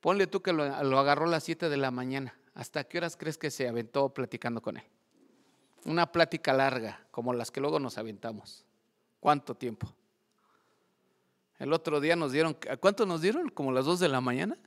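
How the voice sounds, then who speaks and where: A man's voice: mid-range voice, fairly quick, a bit bright, in a large hall. A man preaching a sermon at a church service, often quizzing the congregation with call-and-response questions. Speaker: pastor.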